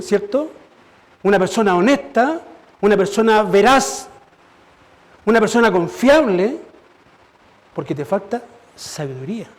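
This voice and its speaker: A man's voice: sits high, a little mellow. A man preaching as pastor, conversational and asking rhetorical questions. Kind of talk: sermon. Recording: church service.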